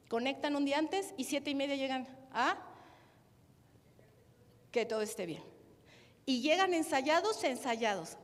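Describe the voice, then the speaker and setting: A Mexican woman preaching a sermon to a gathering, animated and full of rhetorical questions tagged at the end. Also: fairly high pitch. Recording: reverberant hall sound.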